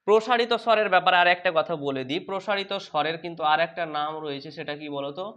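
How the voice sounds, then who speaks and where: A man teaching a lesson, who asks questions and then answers them himself, repeats terms slowly and corrects his own slips aloud. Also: on the high side, fairly bright tone. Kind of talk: exam-prep lesson on vowel sounds. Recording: dull lo-fi sound.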